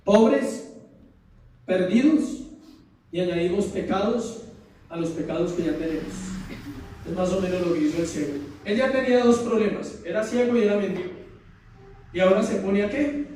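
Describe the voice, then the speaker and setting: A male pastor preaches in a high, mellow voice, pausing to ask the congregation questions. The sound is very echoey, picked up from far off in a church room. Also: a little hiss or hum. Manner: rhetorical questions to the congregation, dramatic pauses. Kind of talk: sermon. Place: church hall.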